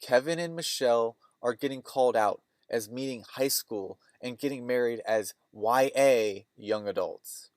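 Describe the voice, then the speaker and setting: A man's voice: mid-range voice, measured pace, hardly any pauses, darkish tone, no room sound, clean studio sound. A man hosting a movie podcast, retelling scenes in a rambling, opinionated way. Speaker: podcast host.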